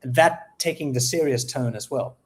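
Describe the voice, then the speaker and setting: A South African man speaking as a guest in an interview, thinking aloud about his craft. He talks reflectively and pauses often to search for the right word, with plenty of fillers along the way. His voice sits at an ordinary middle pitch for a man. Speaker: guest poet. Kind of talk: casual interview conversation.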